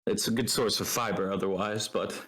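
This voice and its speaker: A man voicing a male traveler from a faraway land who tries to sell a pile of leaves with a persuasive sales pitch. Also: fairly even intonation, fairly quick, fairly bright tone, breathy edge, rough recording. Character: smooth-talking male traveler peddling leaves.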